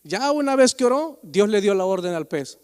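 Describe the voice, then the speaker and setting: High-voiced man preaching in a reverberant church. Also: big pitch swings, moderate pace, darkish tone, clean tone. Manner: joking, conversational preaching, often calling the listener "hermano". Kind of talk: sermon. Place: church sanctuary during a Sunday service. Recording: long reverb of a church hall.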